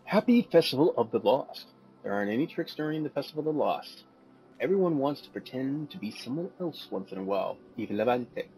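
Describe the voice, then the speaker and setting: A man giving casual, goofy commentary over his gameplay, easily distracted and quick to laugh. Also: medium pitch, animated, darkish tone, soft background music, rough recording. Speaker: gameplay video host.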